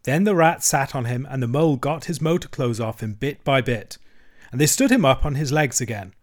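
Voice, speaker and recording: A man narrating a classic storybook in a measured, expressive reading voice. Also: medium pitch. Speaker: reader.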